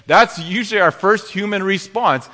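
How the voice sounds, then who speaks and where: A man preaching a sermon, reading scripture and explaining it with earnest, halting restarts. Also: high-pitched, bright, forceful tone. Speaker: pastor. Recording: long hall reverb.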